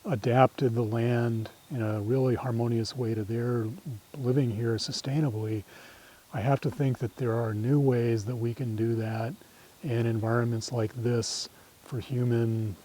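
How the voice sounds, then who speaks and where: A man's voice: medium pitch, mellow, a little hiss or hum, poor audio. A middle-aged man giving an informal talk as he guides a nature walk, reflective and tentative, often trailing off at the ends of phrases. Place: outdoors on a farm trail.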